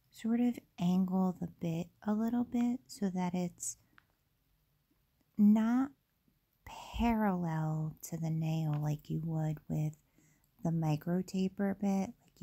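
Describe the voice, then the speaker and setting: A young woman who isn't feeling well walks through a nail tutorial in a relaxed way, using many fillers and tangents. Her fairly low-pitched, warm voice is a little raspy.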